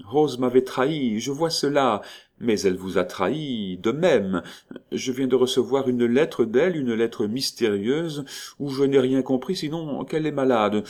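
A man reading a novel aloud, voicing a gentle, flustered young woman in a lighter, raised voice. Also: mid-range voice, animated, measured pace, voice pushed up, close to an everyday voice. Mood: gently anxious.

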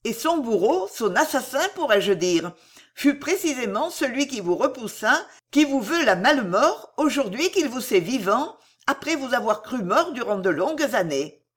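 A woman voicing a cold, scheming noblewoman who speaks slowly and solemnly, with a calm, implacable, insinuating tone. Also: fairly high pitch, breathy edge, pitched above the performer's own voice, exaggerated voice. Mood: coldly persuasive. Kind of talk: audiobook reading.

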